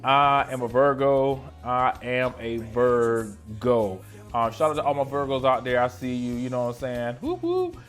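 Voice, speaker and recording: A playful man in his late thirties chats straight into a close camera, slangy and loose. He swings from loud, excited bursts to low, mumbled asides. Faint music plays underneath. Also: unhurried. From North Carolina, USA. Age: 30s. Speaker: esthetician vlogger. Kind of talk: casual question-and-answer vlog. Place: small room lit by colored lights. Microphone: camera in front of him at close range.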